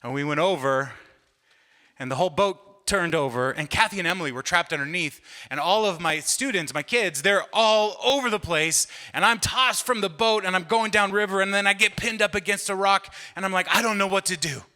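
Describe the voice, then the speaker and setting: A man's voice: high-pitched, moderate pace, pushed and bright. A middle-aged man doing stand-up, rambling through a story with self-deprecating asides, many fillers and restarts, on a hall stage. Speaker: comedian. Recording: long hall reverb from a live venue.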